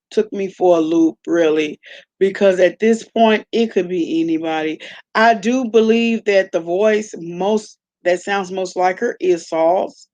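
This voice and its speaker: A woman hosts a casual livestream, reacting to online gossip and talking with viewers in an informal, slangy, conversational way. Her voice is medium in pitch and a little mellow.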